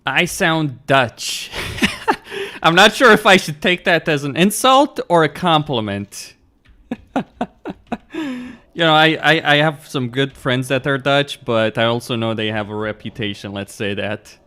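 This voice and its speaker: Streaming a game from Romania, this young man answers his viewers in casual live chat, blunt, quick to laugh and freely profane. He speaks at medium pitch with lively intonation and a measured pace, his tone pushed and bright.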